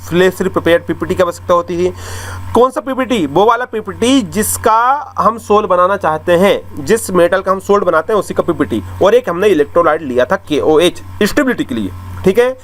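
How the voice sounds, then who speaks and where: A man's voice: high voice, animated, a little fast. A male chemistry teacher, giving an online class lecture, explaining step by step and talking straight to his students with many repetitions.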